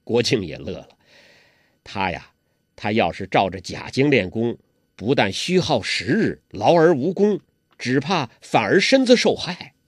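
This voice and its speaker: A man narrating a martial arts tale as a storyteller in an animated, expressive recital. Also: medium pitch, a little slow, breathy edge, no echo, studio quality.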